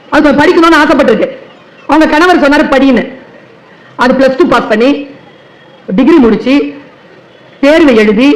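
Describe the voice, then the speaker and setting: A woman teacher giving a public speech at a book fair, telling stories lively and speaking straight to the crowd. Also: sits high, roomy sound, low-quality recording. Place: large hall at a book fair.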